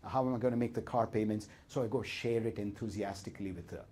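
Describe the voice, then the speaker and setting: A man giving a humorous seminar talk, telling stories in a lively way and acting out voices. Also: lowish voice, fast talker. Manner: lively storytelling with acted-out voices. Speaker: speaker.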